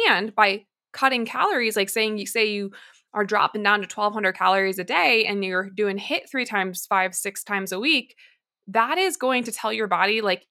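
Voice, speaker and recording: Woman, podcast host, bright tone, earnest, talks to listeners directly. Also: mid-range voice. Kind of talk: casual podcast chat.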